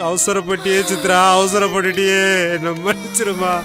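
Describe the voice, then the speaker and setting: An actor plays an enraged husband who shouts and sobs in a high, strained voice. Loud film music runs under him the whole time. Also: male voice, level tone, normal speed, close to an everyday voice. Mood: grieving. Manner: shouting threats, then wailing in grief. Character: enraged grieving husband, adult man. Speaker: husband back from working abroad.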